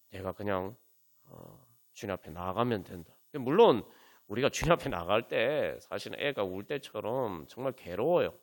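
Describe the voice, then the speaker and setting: A man's voice: lowish voice, creaky. A man pastor preaching at a Friday prayer meeting in church, asking many rhetorical questions and using frequent fillers.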